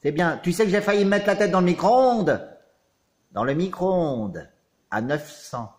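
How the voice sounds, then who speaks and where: A man playing a theatrical, touchy character who fusses over a returning friend, swinging from squeals to low mutters. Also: lively intonation, unhurried, a little mellow. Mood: sulky. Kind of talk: comedy monologue.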